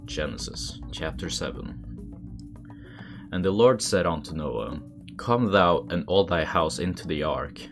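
A man reading scripture aloud in a monotone manner. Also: low-pitched, unhurried. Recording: background music under the voice. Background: music.

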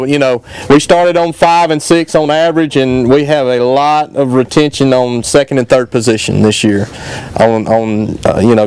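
A middle-aged extension cotton agronomist, speaking to farmers outdoors at a field day into a handheld microphone, relaxed and plainspoken, with many fillers and restarts. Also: male voice, mid-range voice, smooth, dry recording.

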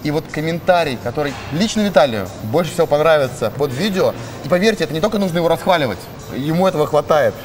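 A middle-aged man hosting, asking quick questions in casual chat in a gym. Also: fairly high pitch, lively intonation, faint music behind. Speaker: host. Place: indoor gym.

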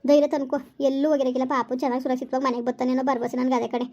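A woman playing a caring young female friend who gently consoles her in a village family skit. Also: high-pitched, flat delivery, racing. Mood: consoling. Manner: soothing, repetitive coaxing. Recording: dull lo-fi recording.

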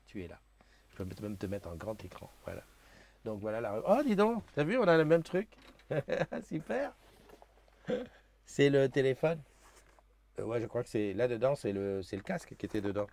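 A man's voice: on the low side, darkish tone. A man hosting a casual live stream, chatting loosely with many fillers and restarts as he reads viewer comments aloud into a new desk microphone. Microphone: new desk microphone being tested.

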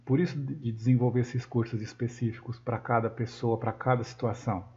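A Brazilian man with a Brazilian Portuguese accent gives a screen-recorded software tutorial, thinking aloud as he works and correcting himself often. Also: medium pitch, steady tone, brisk. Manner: thinks aloud while working, with frequent self-corrections. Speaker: software instructor. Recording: dull lo-fi sound.

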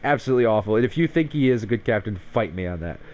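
A man's voice: lowish voice, expressive, rapid-fire, darkish tone. A young man giving casual, sarcastic gameplay commentary on a hockey game, swearing freely when frustrated. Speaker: gaming YouTuber.

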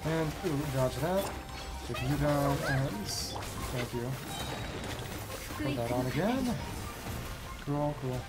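Loud game music plays under this streamer's voice as she casually comments on her live gameplay, partly muttering to herself with mild exclamations. She has a bass voice, animated but slow, and pauses often.

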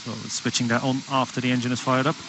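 A man working as a race engineer, giving halting procedural instructions over race car team radio. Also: medium pitch, little pitch movement, heavy background noise. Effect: team radio transmission.

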